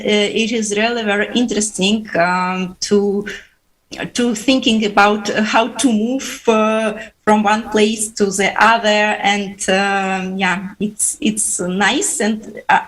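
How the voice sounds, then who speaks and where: A woman's voice: mid-range voice, a bit bright, low-quality recording. Hesitant woman with a Russian accent. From Uzbekistan. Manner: halting non-native English, many filler pauses. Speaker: ham radio operator guest. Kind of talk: live show interview.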